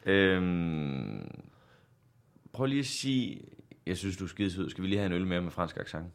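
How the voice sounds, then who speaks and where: A man co-hosting a quiz podcast who answers as the contestant. He has a low voice with a lively, swinging pitch and asks dry, teasing questions. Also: gravelly. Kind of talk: casual podcast chat.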